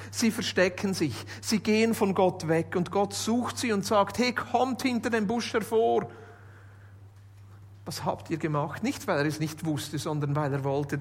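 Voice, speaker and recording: A woman's voice: mid-range voice, breathy edge. A woman preaching a sermon in a conversational tone, with light jokes and points built by repeating and restating phrases. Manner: builds points by listing and restating.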